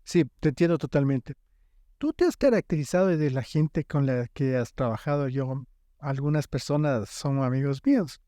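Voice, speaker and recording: A man's voice: mid-range voice, normal speed, dark tone, no room sound, studio quality. A man from Ecuador hosting a podcast interview, prompting his guest with questions and short agreeing interjections. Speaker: podcast host.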